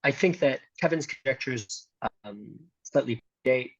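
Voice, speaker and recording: An American man gives a mathematics seminar talk in a gravelly, slightly husky voice. He hedges and restarts often, working through ideas aloud. The recording sounds dull and lo-fi. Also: medium pitch, animated, measured pace. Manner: hesitant, many fillers and restarts. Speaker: seminar speaker. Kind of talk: academic math lecture.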